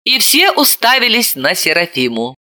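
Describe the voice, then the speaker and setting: Bright, expressive woman narrating a story. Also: mid-range voice, normal speed. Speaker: audiobook narrator.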